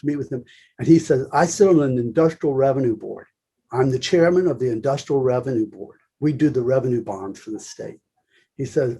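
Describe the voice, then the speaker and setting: Dark, husky-voiced man telling stories. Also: mid-range voice. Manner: lively anecdotal storytelling, acts out quoted voices. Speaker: podcast guest, salon owner. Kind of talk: storytelling interview.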